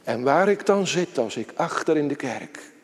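A man preaching a solemn sermon as pastor, swelling loud, then dropping to a hushed near-whisper. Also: on the high side, lively intonation, normal speed. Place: church. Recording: long church reverb.

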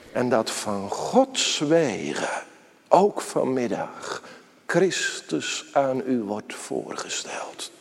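Slow, solemn preaching man in a church. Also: a little high, vocal fry. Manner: solemn preaching, swelling loud then dropping to a hushed near-whisper. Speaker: pastor. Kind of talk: sermon. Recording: long church reverb.

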